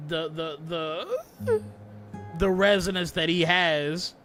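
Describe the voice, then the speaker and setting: Male streamer, mock-audiobook narration, high bright voice, dramatic, stumbles and laughs. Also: huge pitch swings, slow, soft background music. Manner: dramatic, breaks into laughter, stumbles over words.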